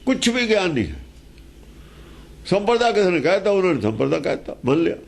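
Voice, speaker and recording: Man, scripture teacher, emphatic, argumentative, lively rising and falling voice, somewhat high. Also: a little fast, vocal fry. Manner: emphatic and argumentative, with pointed rhetorical questions. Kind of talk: explaining scripture verse by verse.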